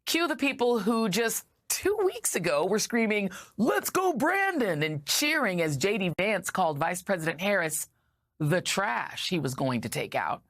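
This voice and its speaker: A woman's voice: on the low side, sing-song, moderate pace, a bit bright, no room sound, clean studio sound. An American woman hosting a news commentary segment, delivering scripted opinion with sarcasm and pointed rhetorical questions.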